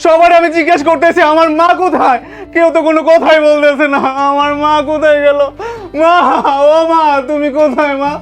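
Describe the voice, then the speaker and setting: A man's voice: extremely high pitch, flat delivery, a little fast. A young man, playing a distraught son who pleads over and over and then wails for his dead mother. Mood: desperate pleading. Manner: pleading, wailing, repeating himself. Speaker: actor in a short drama. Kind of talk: melodramatic drama acting.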